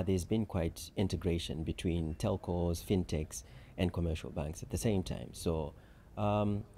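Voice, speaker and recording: Deep-voiced man explaining calmly. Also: slight background noise. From Zambia. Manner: measured, structured explanations with frequent "so" and "um". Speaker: chief risk officer, interview guest. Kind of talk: conference interview.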